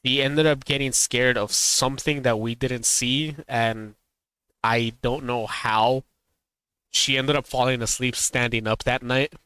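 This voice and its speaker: A man's voice: medium pitch, steady tone, unhurried, pushed and bright, clear, resonant tone, no room sound, rough recording. A man streaming live, chatting casually as he reacts to a video, rambling and laughing, with emphatic warnings.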